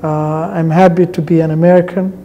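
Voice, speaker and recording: A man delivers a composed, formal statement in a very dark, mellow voice. His pitch stays flat and steady throughout. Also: brisk, dull audio, faint music behind. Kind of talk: interview testimonial.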